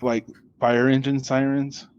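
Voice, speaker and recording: A man's voice: medium pitch, little pitch movement, darkish tone, no room sound, dull audio. A man, a podcast guest, answering interview questions casually, often stopping and restarting his words. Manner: halting, with many restarts and repeated words.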